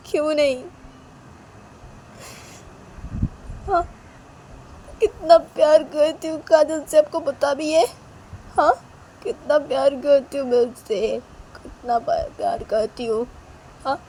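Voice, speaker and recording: A woman's voice: sits high, warm tone, a little hiss or hum, pitched above the performer's own voice, low-quality recording. A woman voicing a heartbroken young woman who cries and pleads as she asks why she should not weep. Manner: sobbing, pleading questions. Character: heartbroken young woman crying over lost love.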